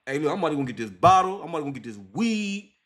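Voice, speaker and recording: Fast-talking high-voiced young man. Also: big pitch swings, a bit bright. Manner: emphatic, repetitive, heavy slang and profanity. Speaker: interviewee. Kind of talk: casual unscripted monologue.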